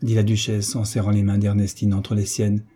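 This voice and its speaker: A man narrates a classic novel in a measured, even reading. His voice is low and very dark, with a husky grain. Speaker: audiobook reader. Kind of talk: literary audiobook narration.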